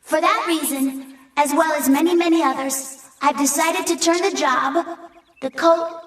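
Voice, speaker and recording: A woman's voice: high-pitched, fairly even intonation, a little slow. A sassy, feisty cartoon girl. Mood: plain. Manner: sassy, matter-of-fact. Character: confident, feisty girl newcomer to an island. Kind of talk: cartoon voice acting.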